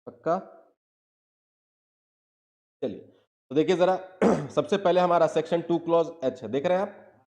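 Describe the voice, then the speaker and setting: A man lectures on law in a fairly high voice. He keeps asking his students whether they are following him, and he spells out each definition slowly. Every few sentences he turns the point back to them as a question. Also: darkish tone. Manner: asks students constant check questions; reads legal definitions slowly word by word. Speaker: teacher.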